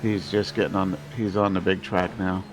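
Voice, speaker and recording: A man's voice: deep voice, little pitch movement, moderate pace, noisy background. A man acting as a race spotter on the radio, giving short position calls and casual encouragement to the driver.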